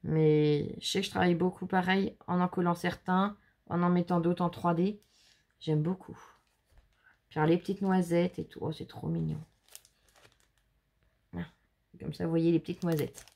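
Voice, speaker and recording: Woman host, fairly low with some fry, gushing casual card show-and-tell at home. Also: fairly even intonation, normal speed, long pauses, darkish tone. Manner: chatty, gushing, talks to viewers and helpers. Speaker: scrapbooking channel host.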